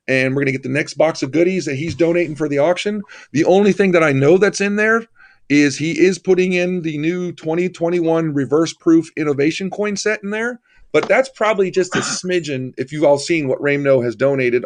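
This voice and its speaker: A man hosting a livestream, chatting casually in a folksy, familiar way with his viewers. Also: fairly high pitch. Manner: folksy, familiar, addresses viewers as buddy and brother. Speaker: livestream host.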